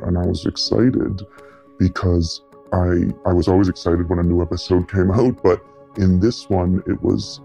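A man's voice: gravelly, warm tone. A man recounting what he saw in an interview, his voice altered to disguise his identity. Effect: voice altered and pitched down to hide his identity. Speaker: listener giving a tip. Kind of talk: recalled interview recollection.

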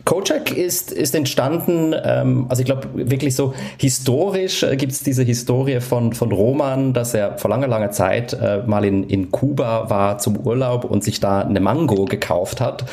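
A man answers questions as an interview guest. His voice sits at a medium pitch with a mellow, relaxed tone. He speaks haltingly, often repeating a word while he looks for the next. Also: vocal fry. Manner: halting, repeats words as he searches. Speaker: startup CEO, podcast guest.

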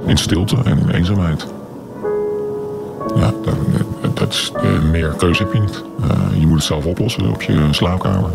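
A man in his forties being interviewed on radio, his voice disguised by a deep pitch-shift distortion. He talks hesitantly and deliberately, with many filler sounds. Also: creaky, loud music behind the voice. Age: 40s. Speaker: anonymous interviewee.

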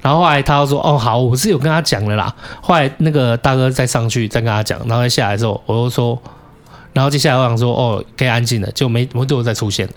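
A man with a Taiwanese Mandarin accent telling a story in casual chat, cursing and shouting when he acts out his anger. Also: mid-range voice, fast. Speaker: podcast co-host.

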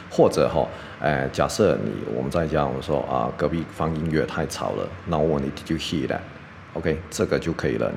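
Low-voiced man teaching English. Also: darkish tone, slight background noise. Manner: explains patiently, peppers speech with "OK". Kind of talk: podcast language lesson.

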